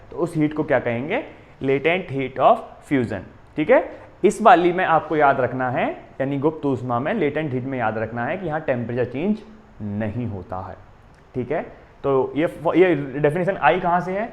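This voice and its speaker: At a board, a man with an Indian accent teaches an exam coaching class in physics, often pausing to ask "है ना?" and reading definitions out slowly, word by word. His voice is a little high, and the sound is lo-fi.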